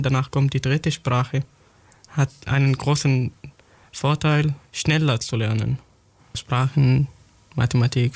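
A teenage Syrian boy, a young student writer, answers interview questions in careful, halting German with non-native grammar, often searching for the next word. His mid-range voice has a gravelly creak, and the recording is dry and close with no room echo.

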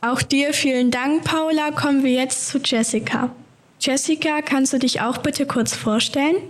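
A woman with a high voice leads a friendly interview, asking short, polite questions. Her delivery is simple and tidy. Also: fairly even intonation, moderate pace.

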